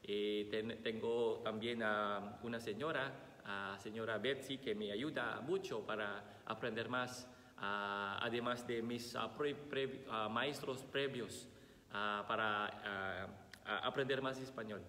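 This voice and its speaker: Seated at the altar of a large church, a Tagalog-speaking priest from the Philippines in his 30s, nursing a slight cold, reads the Gospel and preaches slowly, with frequent pauses and "ah" fillers. His Filipino-accented voice is lowish, steady, pushed and bright. Captured by a fixed camera across the altar, the audio has long reverb and a little hiss or hum.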